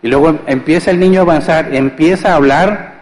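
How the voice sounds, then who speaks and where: A man's voice: fairly high pitch, a little fast, a little mellow, in a large hall, slight background noise, low-quality recording. A male pastor giving a conversational sermon, asking rhetorical questions and acting out family scenes with humor. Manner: conversational, asks rhetorical questions and answers them; acts out household scenes with humor. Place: church.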